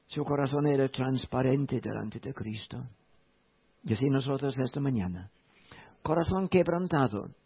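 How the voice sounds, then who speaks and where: A man preaching a sermon in a slow, emphatic way, repeating key phrases. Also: medium pitch, vocal fry, breathy edge. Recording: tinny phone-like sound.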